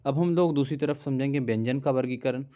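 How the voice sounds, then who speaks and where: A man's voice: mid-range voice, fairly quick, warm tone. A young man teaching a grammar lesson, explaining step by step, repeating each letter aloud and checking in with his listeners.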